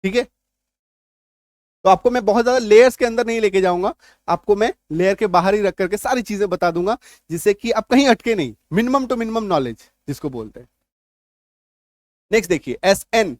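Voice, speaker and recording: An Indian man teaching English phonics in Hindi, encouraging learners, sounding out words slowly and asking if they follow. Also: sits high, no echo, clean studio sound. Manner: encouraging, repeats words slowly and asks checking questions.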